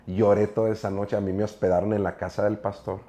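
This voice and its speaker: Speaking quickly in a mellow, lowish voice with little pitch movement, a middle-aged man with a Mexican accent shares stories as a guest preacher. It's a casual interview, and he comes across as earnest and rambling, using many filler words.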